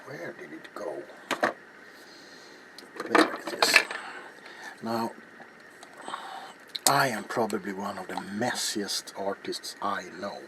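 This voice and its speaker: Slow and low-voiced, a craft channel host rambles through a quiet ASMR demonstration, pausing haltingly and repeating words. Noisy room ambience fills the small, cluttered indoor workshop where he works.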